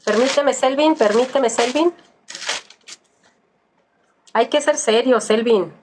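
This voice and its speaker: Firm high-voiced woman debating. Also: slow, a little mellow, slight background noise. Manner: firm, addresses opponent directly, teasing. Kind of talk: heated online debate.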